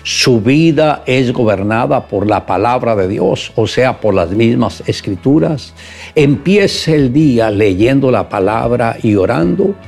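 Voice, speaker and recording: A man delivers an earnest sermon and urges his listeners toward faith before leading them in prayer. His voice carries a gravelly, creaky edge at a middle pitch. Soft music plays faintly in the background. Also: animated, a little slow. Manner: earnest, exhortative. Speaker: preacher.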